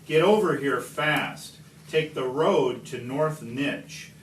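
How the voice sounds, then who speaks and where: A man's voice: medium pitch, slow, close to an everyday voice. A man reading as a brash, greedy storybook businessman, brusque, bossy and dismissive. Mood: eager, bossy. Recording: distant mic, echoey room, background noise.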